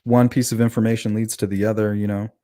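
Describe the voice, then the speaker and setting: A man's voice: fairly low pitch, level tone, quick pace, warm tone, no room sound, studio quality. A man with a lisp hosting a casual livestream commentary, talking conversationally and putting questions to his audience. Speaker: livestream host. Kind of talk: casual true-crime livestream commentary, reading chat aloud.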